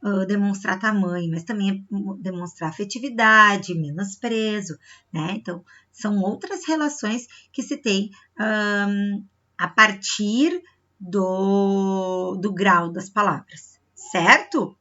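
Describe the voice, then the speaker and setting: In a recorded review lesson for kids, a Brazilian woman teacher talks slowly in a medium-pitched, pushed, bright voice, though the audio itself sounds dull. Her explanations proceed step by step with frequent short check-in questions, and she elongates words to reveal where the stress falls.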